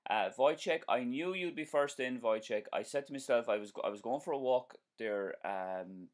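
A man in his forties from Ireland, with an Irish accent, hosts a live stream as a driving instructor from a small indoor room at home. He chats casually, friendly and repetitive, answering viewer comments with lots of um and uh fillers and restarts. His voice is medium-pitched at a moderate pace.

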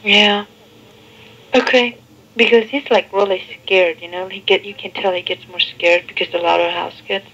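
A woman's voice: fairly even intonation, normal speed, sharp tone. A woman chatting casually on a phone call, recorded on an old worn answering machine tape. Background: played back through a cassette boombox.

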